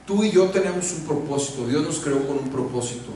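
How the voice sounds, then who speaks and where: Animated preacher in an echoey hall. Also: male voice, a little high, brisk. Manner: animated, acts out complaints in a raised voice. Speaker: pastor. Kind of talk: sermon. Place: church hall. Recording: echoey church hall, from far off, faint noise.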